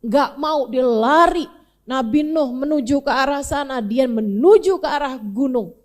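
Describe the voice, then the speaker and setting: A woman preacher telling a sermon story, acting out dialogue with dramatic rises and falls and slow, deliberate pauses. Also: high voice, darkish tone. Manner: dramatic, acts out dialogue with rising and falling emphasis. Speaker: female Islamic preacher.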